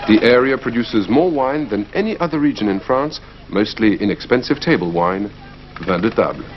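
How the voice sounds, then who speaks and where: With a fairly low voice at normal speed, a man narrates a language course from a script, explaining things in a clear, lively way. The broadcast recording is slightly muffled and carries a faint hiss.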